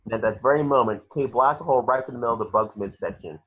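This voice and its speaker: The stage directions of an amateur table read are delivered rapid-fire by a man with a husky, mid-range voice. He reads the scripted action descriptions in a dull, lo-fi home recording.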